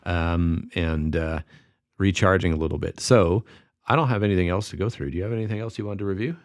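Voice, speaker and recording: Deep-voiced man in tired casual chat. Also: fairly even intonation, fairly quick, no room sound, studio quality. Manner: rambling with many fillers. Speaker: podcast co-host.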